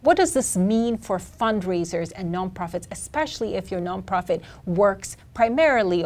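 A woman researcher giving measured, explanatory answers in an interview about charitable giving. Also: medium pitch, darkish tone. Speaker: philanthropy researcher.

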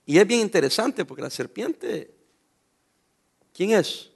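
Animated pastor preaching, gravelly. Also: male voice, high-pitched, takes it slowly. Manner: animated, preachy, talks straight to the congregation. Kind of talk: sermon.

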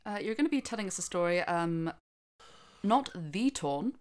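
A woman with a fairly low-pitched voice. She hosts in an informal, conversational style, chatting with her guest. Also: lively intonation, moderate pace, a little mellow. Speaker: podcast host. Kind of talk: casual chat.

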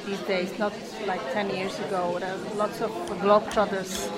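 A woman in her forties is interviewed in her own busy restaurant. Her voice sits mid-range and she speaks earnestly, pausing and searching for words. A loud lunchtime crowd chatters behind her the whole time. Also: mid-range voice, little pitch movement. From Indonesia. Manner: earnest, halting, with frequent fillers. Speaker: restaurant owner. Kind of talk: interview answers.

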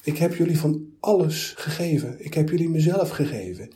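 A man's voice: a little high, lively intonation, normal speed, dark tone, pitched above the performer's own voice, close to an everyday voice. A man voicing God as a humbled, cast-out figure who protests and pleads. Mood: indignant. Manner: protesting, then pleading and self-pitying.

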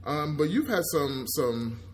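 A man's voice: on the high side, animated, measured pace, a little hiss or hum. A man hosting a casual interview, friendly and hyped, using loose slang. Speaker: host interviewer. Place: at a travel festival.

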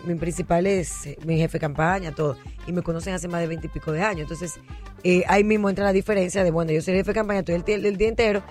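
A woman's voice: fairly low pitch, faint music behind. A middle-aged woman, a political candidate, telling stories in a candid interview. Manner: animated, rapid storytelling.

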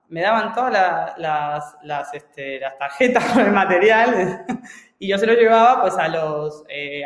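A man from Spain, a guest in an interview, telling a story in an animated way with many restarts and fillers. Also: high-pitched, echoey room, big-room sound.

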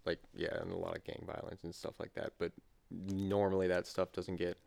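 A man's voice: low-pitched, level tone, moderate pace, gravelly, darkish tone, no room sound. A man in a casual student discussion, talking loosely with many fillers. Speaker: student panelist.

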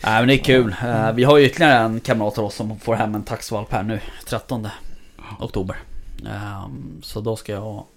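A man's voice: on the low side, steady tone. A man chatting casually about hunting dogs, rambling with many fillers and restarts. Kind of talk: casual chat.

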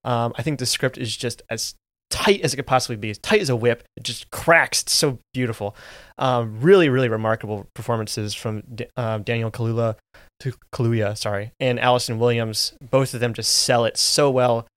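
A man co-hosts a movie review podcast, talking with enthusiasm and plenty of ums and restarts. His voice is mid-pitched for a man. The recording is dry and close. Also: steady tone, moderate pace, a bit bright, no room sound. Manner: enthusiastic, many fillers, restarts. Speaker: podcast co-host. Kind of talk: casual movie review chat.

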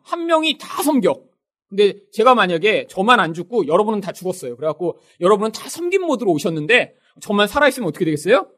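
A man's voice: high voice, a bit bright. A man preaching a conversational sermon as a pastor, acting out everyday quotes.

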